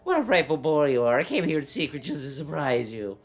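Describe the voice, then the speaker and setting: A haughty woman playing a male senator from a fantasy game, pitched low and swooping widely. The delivery is pompous and condescending, with menace beneath it. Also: very animated, brisk. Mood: smug.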